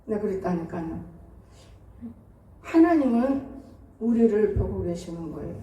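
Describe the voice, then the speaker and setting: A woman's voice: medium pitch, expressive, unhurried, warm tone, muffled recording. An older woman pastor giving a sermon in a homey, storytelling way, acting out family conversations. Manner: colloquial storytelling, acts out family dialogue. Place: church sanctuary. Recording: echoey church hall from far off.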